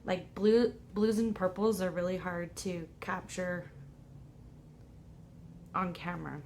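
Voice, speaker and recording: Woman vlogger, hoarse with a cold, low husky voice, excitable casual chat, faint hiss behind. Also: slow pace. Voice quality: deep, husky voice. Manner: chatty, excitable. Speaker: tarot vlogger. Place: home, sitting by a window.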